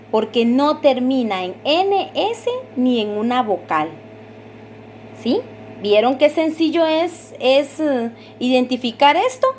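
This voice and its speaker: Slow, high-voiced woman teaching patiently. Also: a little hiss or hum. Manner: patient, repeats rules and asks students to repeat; stretches out example words slowly. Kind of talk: recorded Spanish grammar lesson.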